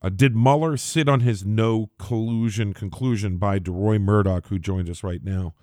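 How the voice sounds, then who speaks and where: A man hosting a political podcast, asking his guest questions in a halting way with frequent pauses and restarts. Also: on the low side, a little mellow, no echo, clean studio sound. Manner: halting, with many fillers and restarts. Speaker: podcast host. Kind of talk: political interview.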